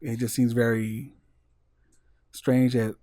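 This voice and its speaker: A man with an average-pitched voice talks in a laid-back way on a casual podcast, often trailing off mid-thought. The sound is dry and close to the mic. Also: a little mellow, dry recording. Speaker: podcast co-host. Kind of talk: casual chat.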